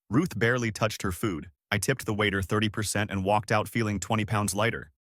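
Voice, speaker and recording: A man's voice: fairly low pitch, fairly bright tone, no echo. Middle-aged male narrator, sardonic and dry, close dry recording. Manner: sardonic, wry. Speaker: storyteller. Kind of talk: scripted story narration.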